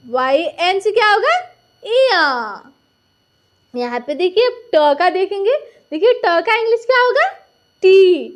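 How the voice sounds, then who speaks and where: A woman's voice: extremely high pitch, animated, takes it slowly, pauses often. A woman teaching a recorded lesson, patiently repeating each point and asking and answering her own questions.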